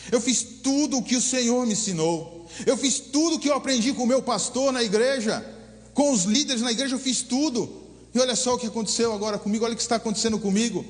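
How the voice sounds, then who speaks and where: A man's voice: very high voice, quick pace. A man voicing a troubled, honest young male intern who speaks earnestly and pleads. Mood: pleading. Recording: long hall reverb.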